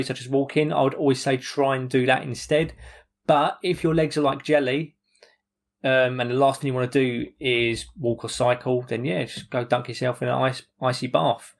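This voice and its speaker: A man's voice: medium pitch, creaky. A British man co-hosting a podcast, chatting casually about sports recovery. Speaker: podcast co-host.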